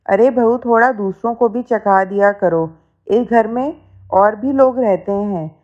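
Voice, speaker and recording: A woman's voice: mid-range voice, a little slow, narrow, tinny audio, close to an everyday voice. A woman voicing a stern, suspicious middle-aged mother-in-law who scolds her household, in a storybook reading. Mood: scolding.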